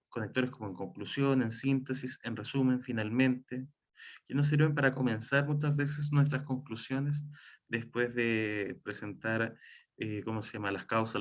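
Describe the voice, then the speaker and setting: A man's voice: medium pitch, normal speed. Man explaining spelling rules to a class. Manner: explanatory, repeats example words, frequent fillers. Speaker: teacher. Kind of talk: classroom lecture on writing and spelling.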